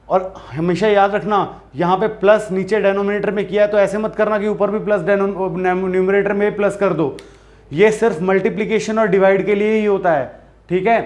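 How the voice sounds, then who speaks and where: A man's voice: high voice, a little mellow. A man teaching a maths lesson, explaining step by step and asking the class questions as he goes, with frequent restarts and self-corrections.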